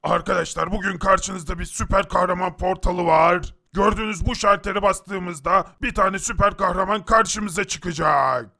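A man hosting a game video, talking excitedly and calling out to his viewers. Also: high-pitched, normal speed, vocal fry, hardly any pauses. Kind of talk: casual game commentary.

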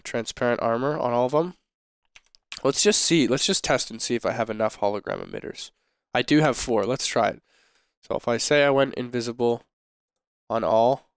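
A man with a sick voice, casually commenting on his gameplay as a video host, chatty and relaxed with many ums and uhs. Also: medium pitch, clear, resonant tone, no echo, clean studio sound.

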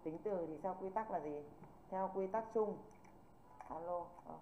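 A woman's voice: lowish voice, a little slow, slight background noise. A woman English teacher, patiently walking students through an online exam review and often checking that they follow. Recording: tinny phone-like online call audio.

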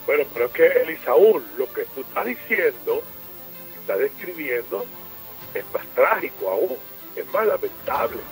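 A Venezuelan man debating on a radio news show in a high, widely swinging voice. He talks emphatically, breaks into exclamations and repeats words as he presses his point. A faint music bed plays under his voice. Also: sing-song, moderate pace, vocal fry, low-quality recording. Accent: Venezuelan Spanish. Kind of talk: heated debate.

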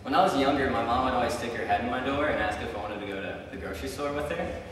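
A man's voice: mid-range voice, fast talker, a bit bright, a little hiss or hum. A young man giving a casual, chatty sermon, telling stories with frequent ums and likes. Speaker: preacher. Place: church sanctuary. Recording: echoey church hall from far off.

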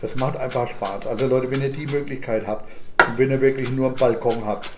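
A man's voice: mid-range voice, fairly even intonation, fairly quick, noisy background. Man, home-kitchen cooking demo, chatty instructive delivery, echoey room with clattering pans. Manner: chatty, instructive, addresses viewers directly. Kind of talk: casual cooking demonstration. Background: clattering dishes, pans and cutlery.

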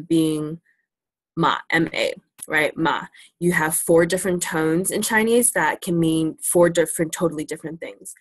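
This young woman's voice sits low as she, a native English speaker and student presenter, casually teaches about China in a virtual classroom Q&A over a laptop webcam call. She's easygoing, using lots of ums and likes, and there's no echo.

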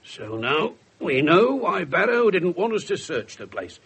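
An actor playing a cynical, slovenly middle-aged police inspector with a British accent, offhand and sardonic, in a 1970s radio drama. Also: male voice, a little high, sing-song, measured pace, a bit bright, slightly rough, heavily acted. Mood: wry, dismissive. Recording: slightly noisy 1970s radio recording.

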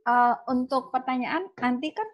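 A woman's voice: high-pitched, unhurried, dull audio. A woman moderating a webinar, giving polite brief replies over a video call.

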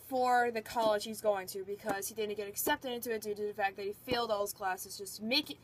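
A young woman casually reviewing a book on camera, rambling and chatty, a little out of breath. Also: a little high. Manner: rambling, chatty, filler-heavy. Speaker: book vlogger. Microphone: phone or webcam.

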